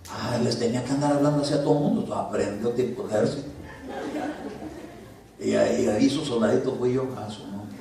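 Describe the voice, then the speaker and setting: Echoey preaching man, loud then soft. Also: medium pitch, a little hiss or hum. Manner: conversational preaching, swings from loud commands to soft asides. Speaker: pastor. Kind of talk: sermon. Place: church. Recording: very echoey church hall from a distance.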